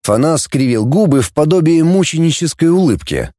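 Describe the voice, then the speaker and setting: Expressive male audiobook narrator. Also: a little high, normal speed, no echo, studio quality. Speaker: audiobook reader.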